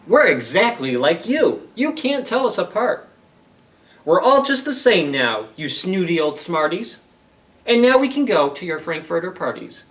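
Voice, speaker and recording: A man's voice: sits high, very animated, measured pace, a bit bright, recorded from a distance, voice pushed up, heavily acted. A man voicing snooty, boastful beaked creatures from a storybook, exclaiming haughtily and drawing out words. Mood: defiant. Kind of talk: animated storybook reading.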